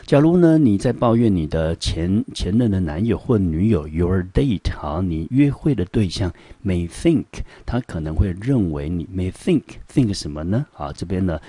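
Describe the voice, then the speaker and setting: A male teacher with a Taiwanese Mandarin accent walks through an English lesson one point at a time, asking rhetorical questions as he goes. His voice sits low, dark and a little husky, and it is recorded close and dry with no room sound. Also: no room sound. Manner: explains step by step, asks rhetorical questions. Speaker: high school English teacher. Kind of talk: classroom grammar lesson.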